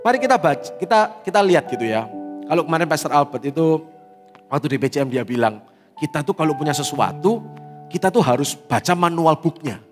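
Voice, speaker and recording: A man's voice: a little high, very animated, a little fast. A man preaching a sermon with an Indonesian accent, acting out tearful prayers as he teaches. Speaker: pastor. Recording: reverberant hall with faint music.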